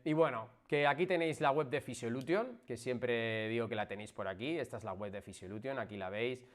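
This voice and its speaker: A physiotherapist from Spain with a Spanish accent chats casually with viewers on a live stream in a mid-range voice. He is energetic and emphatic, jumping between loud bursts and soft asides.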